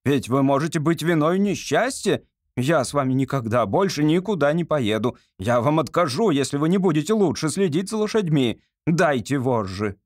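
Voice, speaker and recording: Male reader as an imperious carriage lady, sharp and measured, dry read. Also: on the high side, very animated, creaky, dry recording. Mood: haughty. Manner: stern, sharp, measured and commanding. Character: haughty society lady in a carriage.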